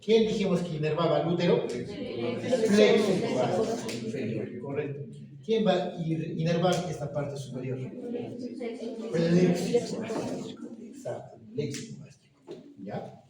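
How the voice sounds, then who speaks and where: A man's voice: high voice, animated, unhurried, a loud crowd. Echoey, distant male lecturer quizzing students. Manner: questioning, checks understanding often. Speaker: medical lecturer. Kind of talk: classroom lecture. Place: classroom. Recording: echoey room from far off, noisy.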